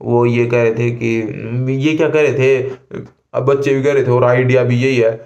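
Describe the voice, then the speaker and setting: A man's voice: mid-range voice, flat delivery, moderate pace, a little mellow, muffled recording. A young man talks casually and repetitively from a room, giving advice like a vlogger to his viewers. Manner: chatty, repetitive, conversational advice. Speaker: exam candidate vlogger. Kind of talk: casual talk to camera. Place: indoor room.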